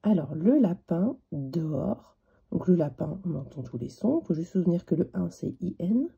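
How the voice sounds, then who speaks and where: Patient woman teaching handwriting, dark and husky. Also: fairly low pitch, animated, highs cut off. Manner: slow, patient, spells out each letter while writing. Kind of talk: handwriting lesson for young children.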